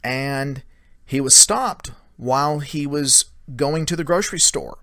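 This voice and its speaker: A man casually retelling a secondhand story in a conversational way, with many small pauses and "he said" tags. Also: mid-range voice, a bit bright, no room sound, clean studio sound. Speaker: paranormal storyteller.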